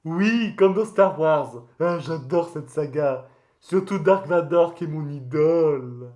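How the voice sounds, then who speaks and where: A man's voice: a little high, slow pace, a little mellow. A man voicing a touchy, boastful mascot creature in a comic mock interview, rambling in crude slang. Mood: boastful, enthusiastic. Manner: slangy, crude, hesitant rambling storytelling with outbursts.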